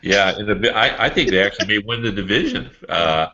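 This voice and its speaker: A man chatting casually as a sports podcast panelist over an online call, in loose, halting phrases with asides. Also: on the low side, expressive, sharp tone. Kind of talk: casual hockey discussion. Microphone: remote online call. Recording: dull lo-fi online call audio.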